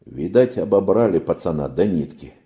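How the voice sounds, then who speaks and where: Hurried storybook sailor, played by a man, businesslike, lively. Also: deep voice. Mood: urgent. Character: inquisitive male sailor, hurried, practical.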